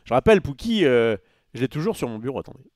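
A man's voice: medium pitch, sing-song, fast talker, a little mellow, no echo, studio quality. A man chatting casually on a live stream, rambling with many fillers and restarts and answering his chat.

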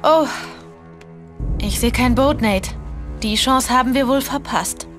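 A woman's voice: high voice, slow pace. An actress voicing a young woman journalist in a video game, playful and a little evasive. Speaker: game character. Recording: game audio under music.

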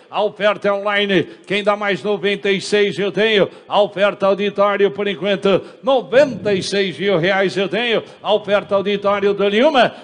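A Brazilian man working as an auctioneer, calling live car bids in repeated set phrases. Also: sits high. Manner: repetitive formulaic bid calling. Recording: long hall reverb.

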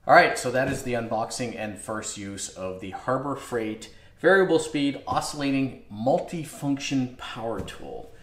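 A man's voice: medium pitch, measured pace. A man in his forties hosting a casual tool review vlog, thinking aloud with many fillers, recorded in his home garage workshop on a camera mic. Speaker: woodworking channel host. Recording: echoey garage with loud background noise.

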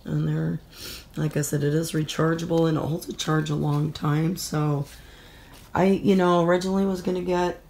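A woman's voice: deep voice, level tone, normal speed, gravelly, warm tone, slight background noise. A middle-aged woman with a stuffy, nasal voice, sniffling with a bad cold as she talks casually through a gear vlog. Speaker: vlogger. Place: indoors in a room at home.

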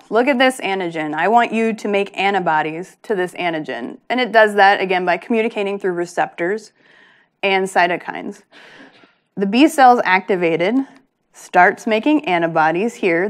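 A woman research scientist giving a patient, plain-spoken public lecture, with frequent ums. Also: medium pitch.

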